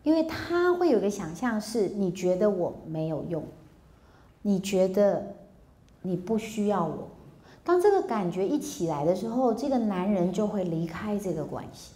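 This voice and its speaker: A woman in her fifties with a Taiwanese Mandarin accent, giving a public lecture on relationships. She tells personal stories in a lively way and acts out dialogue, often laughing. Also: mid-range voice, moderate pace, roomy sound.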